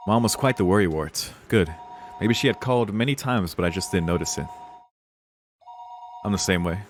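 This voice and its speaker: His voice sits low and moves at a normal speed, with a little background noise present. The streamer plays a visual novel, reading it aloud and offering casual, foul-mouthed commentary he clearly cares about.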